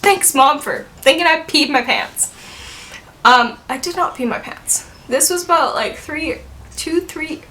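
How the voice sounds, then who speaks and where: A woman's voice: high-pitched, expressive, a little slow, sharp tone. A woman in her twenties telling a story in a casual vlog. She rambles and says "like" a lot. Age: 20s. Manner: chatty, rambling, heavy use of "like". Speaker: vlogger.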